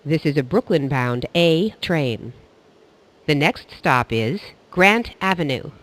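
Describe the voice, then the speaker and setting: A man reading scripted train announcements in a formal, measured public-announcement manner, like an airport announcer. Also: a little high, expressive, fairly bright tone.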